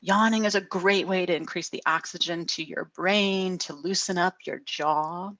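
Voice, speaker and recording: A middle-aged woman counselor giving a gentle guided wellness talk over a video call, often asking "right?". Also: fairly low pitch, normal speed, no echo, highs cut off. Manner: gentle, frequent "right?" tags.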